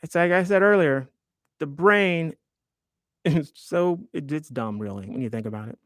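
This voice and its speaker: A man's voice: fairly high pitch, measured pace, no room sound, studio quality. A man in his fifties hosting a live stream, chatting casually and in a rambling, self-deprecating way while reading viewer comments aloud. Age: 50s.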